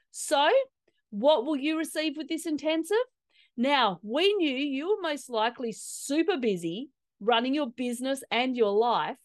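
A woman's voice: sits high, no echo, clean studio sound. A woman hosting a podcast, enthusiastic and upbeat as she talks. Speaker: podcast host. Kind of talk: podcast interview and promo.

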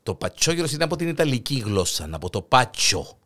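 A man's voice: medium pitch, sing-song, a bit bright. A man with a Greek Cypriot accent co-hosting a show, bantering casually and teasingly over odd news in colloquial speech. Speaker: co-host of a comic news show.

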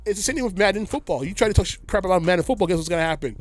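A man's voice: high-pitched, very fast, no room sound, faint music behind. A man co-hosting a podcast, ranting in casual chat and sometimes mocking voices. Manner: animated, ranting, mocking voices mid-rant. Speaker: podcast co-host.

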